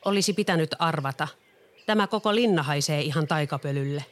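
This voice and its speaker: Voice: mid-range voice, close to an everyday voice. A reader voicing a clever, wry magic fox in a storybook. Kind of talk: storybook reading.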